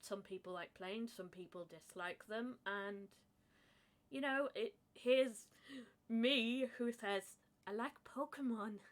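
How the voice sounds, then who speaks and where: A woman's voice: mid-range voice, slow pace. A woman chatting casually on a podcast, hesitant, with many ums and frequent laughs. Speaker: podcast co-host. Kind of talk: casual chat.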